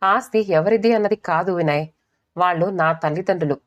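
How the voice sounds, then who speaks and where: A resolute young wife who speaks calmly and firmly, voiced by a woman narrator. Her tone is low and steady, close to the reader's own voice. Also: a little fast, lo-fi sound, close to an everyday voice. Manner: calm, firm.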